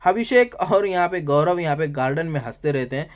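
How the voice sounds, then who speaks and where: Male reviewer, casual animated recap, chatty colloquial delivery. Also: on the high side, brisk. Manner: animated, colloquial, keeps saying "bhai" and "yahan pe". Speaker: reality show reviewer.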